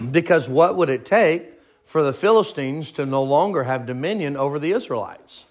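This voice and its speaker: A man's voice: on the high side, lively intonation, normal speed. A man in his thirties leading an informal Bible study, talking plainly and repeating phrases for emphasis. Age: 30s. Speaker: pastor.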